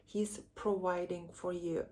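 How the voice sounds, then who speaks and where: A woman's voice: fairly low pitch, flat delivery, measured pace, dark tone. A woman speaks straight to her viewers as a relationship coach. She takes her time, sharing candid stories from her own upbringing in a chatty, earnest manner. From Lithuania. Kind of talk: direct-to-camera advice vlog.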